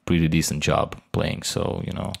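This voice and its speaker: Deep gravelly man hosting an interview. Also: level tone. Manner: curious, halting questions. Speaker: podcast host. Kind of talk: casual interview.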